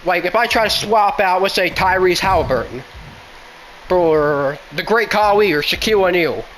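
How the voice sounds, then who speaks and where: Guy venting about a broken game, repeats himself a lot, bouncy high voice. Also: lively intonation, normal speed, fairly bright tone, rough recording. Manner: exasperated, repetitive, pleading. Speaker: gaming YouTuber. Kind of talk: frustrated game rant.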